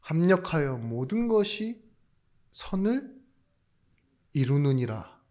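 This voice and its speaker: Preaching a sermon, a South Korean pastor throws in jokes, poses rhetorical questions, and abruptly gets louder to stress a point. He has a warm, slightly high voice, very animated yet slow in pace.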